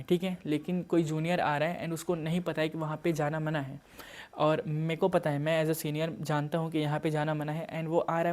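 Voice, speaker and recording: Flat-voiced young man teaching. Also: a little high. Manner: casual, explanatory, mixes English terms. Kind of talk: exam-prep lecture.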